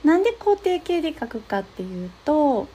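A young woman hosting an advice talk, explaining steps gently with frequent soft agreeing fillers. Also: high voice, very animated, moderate pace. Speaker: podcast host giving advice to therapists.

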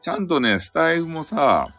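A man's voice: on the high side, sing-song, moderate pace, pushed and bright, soft background music. A man speaking with a Hakata accent, chatting and joking loosely as a live-stream host, his throat slightly sore. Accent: Hakata dialect. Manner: chatty, joking, drifting between topics. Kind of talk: casual chat. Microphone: phone app stream mic.

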